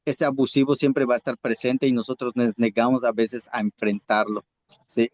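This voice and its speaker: A man with a Yucatecan Mexican accent gives a motivational talk to a group. His voice sits at an ordinary middle pitch and sounds dry and close. He stumbles over repeated words, then pushes into loud, emphatic bursts. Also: little pitch movement, moderate pace, no room sound, low-quality recording.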